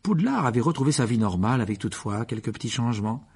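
Expressive male audiobook narrator with a husky voice. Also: fast talker. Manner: expressive, shifts pitch widely for dramatic moments. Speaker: audiobook reader. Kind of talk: scripted narration.

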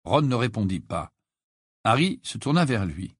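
A man narrates an audiobook with lively, dramatic swings in tone. His voice has a husky grain, recorded close on a studio mic with a dry sound. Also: lowish voice, normal speed, no echo. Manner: animated, dramatic storytelling. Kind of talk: expressive audiobook reading.

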